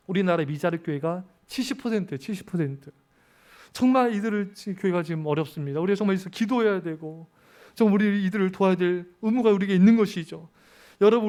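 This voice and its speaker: A middle-aged Korean man preaching a fervent sermon as pastor, repeatedly calling out to the congregation and slowing down to stress key phrases. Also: high voice, a little mellow.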